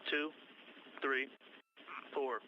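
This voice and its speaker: A man on the spacecraft crew, reading back numbers in brisk procedural callouts over a space-to-ground radio link. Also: medium pitch, fairly even intonation. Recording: muffled radio link with faint hiss.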